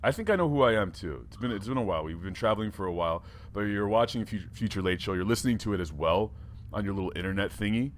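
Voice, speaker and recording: A rambling, playful red alien host of a late-night show, voiced by a man. His voice sits fairly low, and there is a faint hiss under the recording. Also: expressive, quick pace, lightly acted. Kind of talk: comedic podcast talk.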